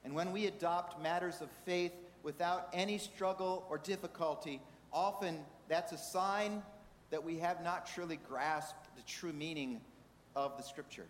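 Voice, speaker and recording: A man preaching a sermon in a measured way, asking the congregation rhetorical questions. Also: fairly high pitch, a little hiss or hum. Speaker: pastor. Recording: reverberant hall with faint ambience.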